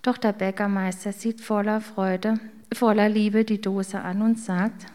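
A woman reading a children's story aloud in a calm, gentle way. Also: mid-range voice, unhurried.

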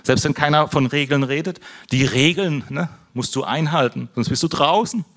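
A middle-aged male pastor giving a conversational sermon, tagging nearly every phrase with a quick question and slipping in self-mocking jokes. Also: a little high, gravelly, fairly bright tone. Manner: conversational, tag questions "ne?" after most phrases, self-deprecating humor. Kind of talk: casual sermon.

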